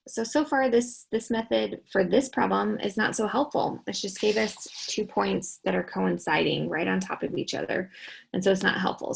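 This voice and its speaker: A woman's voice: medium pitch, vocal fry, husky, poor audio. A woman teaching a recorded math lesson, talking students through each step and answering her own questions. She sounds tired and keeps yawning.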